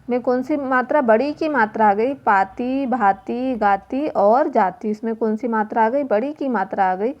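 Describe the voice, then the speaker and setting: A woman teacher explains a workbook lesson to young children, her voice sitting fairly high. She talks very slowly and deliberately, repeating each word and sound so the children can follow. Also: a little mellow, highs cut off. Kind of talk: classroom lesson walkthrough.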